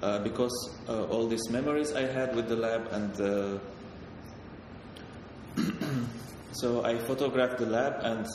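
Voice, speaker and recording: A man from Syria talks about his work in a halting way, stopping and restarting his sentences often. He sounds far from the mic in a large hall with a long echo. A steady background noise runs beneath his voice. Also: medium pitch. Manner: halting, many fillers and restarts. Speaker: photographer guest. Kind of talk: hesitant conversational talk.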